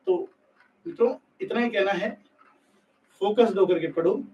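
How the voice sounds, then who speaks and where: Male exam coach on a live stream, candid and scolding, high voice, sits back from a lo-fi mic. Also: big pitch swings, unhurried, distant mic. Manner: blunt, scolding, talks directly to students. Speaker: nursing exam coaching teacher. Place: live online class.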